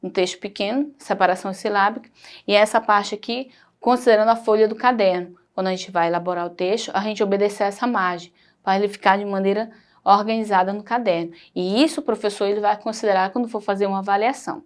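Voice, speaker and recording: A woman's voice: medium pitch, fairly even intonation, quick pace. Patient Brazilian woman teaching a class. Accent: Brazilian Portuguese. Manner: patient, explanatory, pointing things out as she goes. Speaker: primary school teacher. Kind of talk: recorded classroom lesson.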